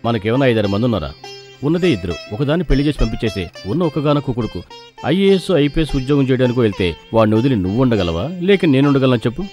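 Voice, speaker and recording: A man's voice: medium pitch, very animated, rapid-fire, darkish tone, soft background music, close to an everyday voice. An actor playing a stubborn, dry-witted father in a film comedy scene, curt and dismissive. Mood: persuasive.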